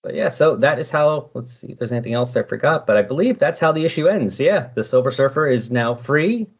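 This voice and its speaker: A podcast host with a husky, medium-pitched voice chats casually at a brisk, expressive clip, rambling and correcting himself as he recaps. The sound is dull and lo-fi.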